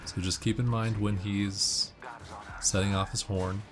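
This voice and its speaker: A man on the low side of pitch, keeping a level tone and measured pace, talks through game tips in steps. It's casual, instructional commentary set against game music and gunfire.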